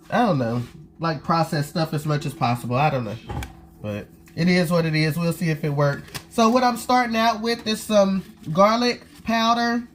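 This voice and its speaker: A woman with a stuffy, nasal voice from a cold, chatting casually to viewers as she cooks in her home kitchen. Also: low-pitched. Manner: chatty, talks straight to viewers while cooking. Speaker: cooking vlog host. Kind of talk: casual cooking chat.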